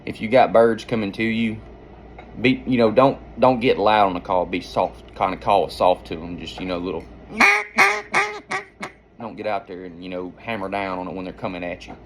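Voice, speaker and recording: A man with a low voice walks through a practical tutorial in an informal, folksy manner. His explanations ramble along like those of an amateur outdoorsman showing a skill. There is some noise behind him. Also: steady tone, moderate pace. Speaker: duck-calling instructor and hunter.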